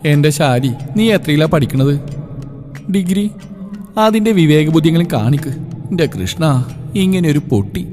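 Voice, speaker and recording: Exasperated scolding mother, high voice, read by a male storyteller, long reverb. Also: lively intonation, unhurried, long pauses, darkish tone. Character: scolding middle-aged mother. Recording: long reverb, faint music behind.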